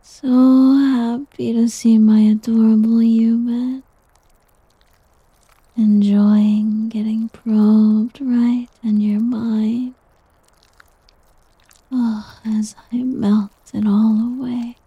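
A woman voicing a doting, possessive slime creature in an ASMR roleplay, whispering softly and teasingly. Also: a little high, flat delivery, drawn-out words, long pauses, dry recording, exaggerated voice. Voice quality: breathy. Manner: soft whispering, teasing and coaxing. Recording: dull lo-fi audio.

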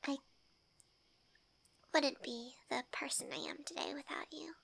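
Soft-whispering shy woman, high and slow. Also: vocal fry. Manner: shy, gentle and affectionate, giggly. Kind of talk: ASMR romance roleplay.

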